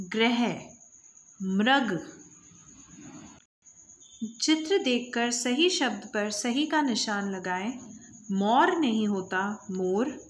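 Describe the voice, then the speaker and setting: A woman teacher reading out a lesson for young children, pronouncing each word slowly and repeating it with emphasis. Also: mid-range voice, rough recording. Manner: slow, drawn-out word-by-word pronunciation.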